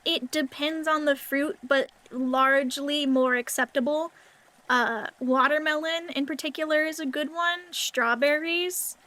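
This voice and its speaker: A woman with a high voice chats as a livestreamer. Her delivery is cute in an anime-streamer way, and she rambles casually and informally to the people watching. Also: steady tone, unhurried, sharp tone. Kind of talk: casual rambling chat with viewers.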